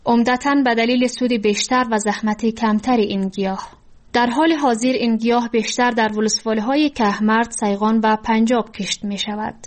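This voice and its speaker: A woman's voice: fairly high pitch, a little mellow. A woman with an Afghan accent narrating a scripted radio news report as a reporter.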